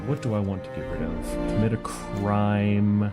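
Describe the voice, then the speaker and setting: A man's voice: on the low side, fairly even intonation, moderate pace. A man streaming a game with casual live commentary, thinking aloud in muttered fragments. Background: game music.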